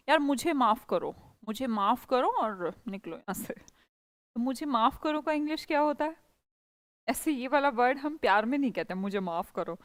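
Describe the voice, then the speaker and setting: A woman teaching English runs an online class, coaxing her students and quizzing them over and over. Her voice sits a little high and comes through smooth and resonant. The sound is dry and close, with no room echo.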